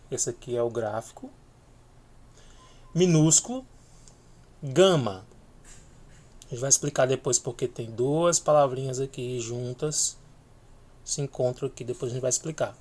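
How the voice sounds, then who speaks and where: Male teacher, mid-pitched, drills each word slowly for students. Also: darkish tone. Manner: slow, repeating each letter name for learners. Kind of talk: video lesson.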